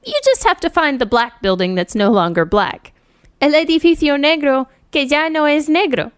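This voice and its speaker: A good-humored local man teases his friends about a building's new color, as a woman reads his lines aloud. The voice is pitched up and sounds dry and close. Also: expressive, moderate pace, no echo. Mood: amused. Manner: amused, teasing.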